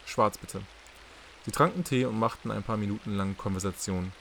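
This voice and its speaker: A man narrating an audiobook in a calm, even storytelling manner. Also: fairly low pitch, fast talker, vocal fry, slight background noise. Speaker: audiobook reader.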